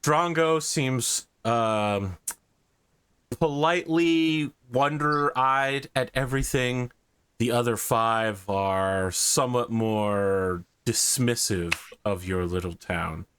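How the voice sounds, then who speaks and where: A man's voice: medium pitch, takes it slowly, fairly bright tone, clean tone, no room sound. A man acting as game master, narrating and talking through a tabletop fantasy game.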